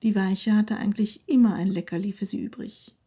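A woman reading a story aloud in a calm, even narrating voice. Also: mid-range voice, fairly quick, slightly rough, muffled recording.

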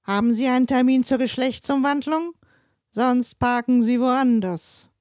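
A woman voicing a stubborn middle-aged woman who blocks a parking space, scolding loudly and indignantly. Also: a little high, animated, normal speed, no echo, clean studio sound, lightly acted.

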